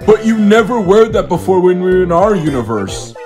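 A man's voice: high voice, very animated, a little fast, over music. A man voicing a nervous, easily confused newcomer bear plush in a homemade plush show. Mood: puzzled.

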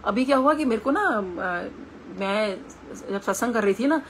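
A woman's voice: fairly high pitch, animated, normal speed, slight background noise. Earnest middle-aged Indian woman. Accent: Indian Hindi. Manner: earnest, conversational, with hesitations. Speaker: satsang speaker. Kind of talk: devotional talk with personal stories.

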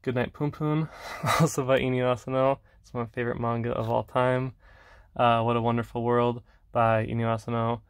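Young man with a flat, dry voice. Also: mid-range voice, normal speed, clear, resonant tone, no room sound. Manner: relaxed, rambling, frequent fillers and soft laughs. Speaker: manga collection vlogger. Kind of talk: casual collection showcase.

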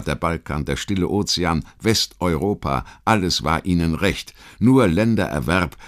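A bass-voiced man narrates a scripted history documentary like an audiobook, his delivery measured and literary, with deliberate phrasing.

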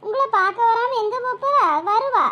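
A woman's voice: very high-pitched, moderate pace, muffled recording. A woman voicing a nosy, scheming young village woman, prying and gossipy. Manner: prying, gossipy, mock-soothing.

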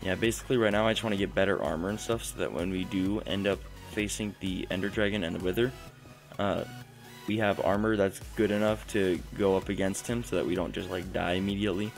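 A man's voice: low-pitched, steady tone, a little fast, creaky. A young man casually narrating his own gameplay at home, chatty and prone to interrupting himself. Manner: chatty, self-interrupting play-by-play. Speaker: gaming channel host. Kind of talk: casual game commentary. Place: home room. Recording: faint background music.

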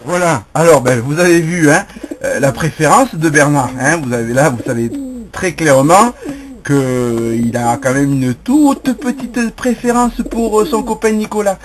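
A man's voice: on the high side, moderate pace. A man filming a playful home video, coaxing and teasing his pet bird in baby talk and joking to the camera.

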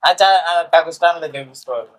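A man's voice: fairly high pitch, very fast, fairly bright tone. A Bangladeshi man who owns a bakery, answering an inspector's questions hesitantly and defensively, often calling him sir. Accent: Bangladeshi Bengali. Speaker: bakery owner being inspected. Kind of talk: defensive replies under questioning. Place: bakery premises, indoors.

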